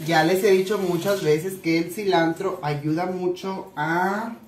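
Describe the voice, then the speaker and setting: A woman chatting warmly with viewers while cooking in her home kitchen, calling them little treasures. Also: on the low side, steady tone, measured pace. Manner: chatty and affectionate, calls viewers "tesoritos". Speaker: cooking vlogger. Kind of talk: casual cooking chat to viewers. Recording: echoey room with faint noise.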